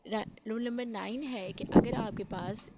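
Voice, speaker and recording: A woman's voice: a little high, a little slow, highs cut off, very noisy. A woman teaching spelling rules, explaining patiently step by step and mixing in English terms.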